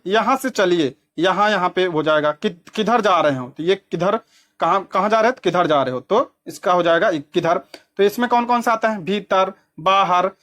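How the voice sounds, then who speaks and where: A man's voice: high voice, fairly bright tone. A man teaching as an exam coaching teacher, explaining practice questions step by step and repeating key terms to check that they sink in.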